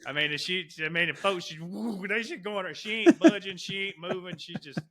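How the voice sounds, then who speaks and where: A man's voice: sits high, fairly quick, a crowd in the background. A man, co-hosting a podcast and telling rambling stories in casual chat. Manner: rambling storyteller, Southern turns of phrase. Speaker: podcast co-host.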